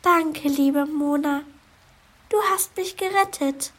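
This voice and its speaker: A woman voicing a small, soaked, timid female bee in a children's storybook, with a high, soft, sniffling voice. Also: takes it slowly. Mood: grateful. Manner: sniffling, downcast.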